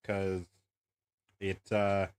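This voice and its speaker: A man's voice: sits low, completely flat delivery, extremely slow, darkish tone, clear, resonant tone, no room sound. Laid-back cursing man streaming games. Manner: laid-back, profane, laughs while arguing. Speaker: streamer host. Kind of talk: casual gaming stream chat. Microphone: voice chat mic.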